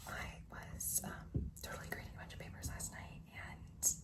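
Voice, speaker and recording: A woman's voice: moderate pace, far from the mic. A woman whispering confidingly in a whispered role-play as a flirty, doting teacher, repeating herself in hesitant phrases. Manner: whispering confidingly, as if sharing a secret. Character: flirty, doting female teacher with an overnight guest. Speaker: ASMR role-play performer.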